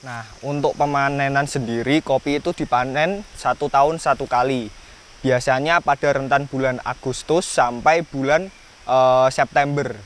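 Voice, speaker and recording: Hesitant Indonesian coffee processor explaining. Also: male voice, on the high side, clear, resonant tone. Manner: explanatory, with frequent hesitation fillers. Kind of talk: documentary interview.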